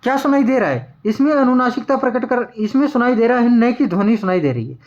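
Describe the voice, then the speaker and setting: A man teaching Hindi grammar, repeating each word slowly and answering his own questions as he writes. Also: very high-pitched, expressive, dull audio. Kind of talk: classroom lesson at a board.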